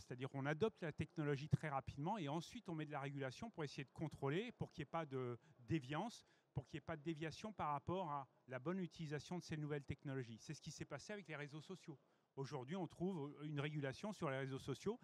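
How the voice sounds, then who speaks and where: A man presenting at a conference masterclass, explaining in a measured way with frequent hesitations. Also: fairly high pitch. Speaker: head of innovation strategy presenting.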